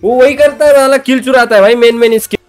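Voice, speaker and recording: A man playing on a gaming squad, cheering and firing off quick repeated callouts. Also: very high-pitched. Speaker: squad teammate. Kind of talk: live gameplay chat with callouts. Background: game music.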